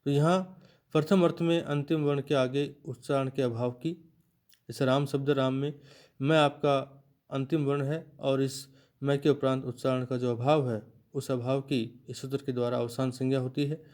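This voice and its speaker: A man of middle pitch gives a patient grammar lecture to students. He talks slowly and goes over each point again and again, as a teacher does for a class. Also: level tone, darkish tone. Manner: slow, repetitive explanation, restating each point.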